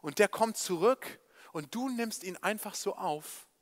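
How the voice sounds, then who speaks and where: A man's voice: sits high, animated, a little slow, big-room sound. A man playing a resentful elder brother. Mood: indignant. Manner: indignant, scolding.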